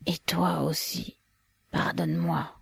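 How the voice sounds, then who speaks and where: A woman voicing a dying man who speaks weakly in a hoarse whisper. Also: low voice, flat delivery, takes it slowly, heavily acted. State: faint and hoarse.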